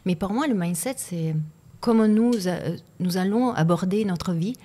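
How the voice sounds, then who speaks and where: A native Italian speaker from Italy, this woman talks as a podcast interview guest with an Italian accent, reflective and hesitant, often repeating words while searching for them. Her mid-range voice is mellow and measured in pace.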